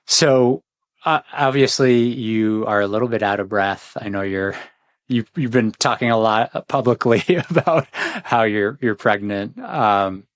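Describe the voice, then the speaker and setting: A man's voice: on the low side, measured pace, dry recording, studio quality. A man hosting a podcast interview, asking friendly, encouraging questions in casual chat. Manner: friendly, encouraging, loose phrasing. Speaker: podcast host.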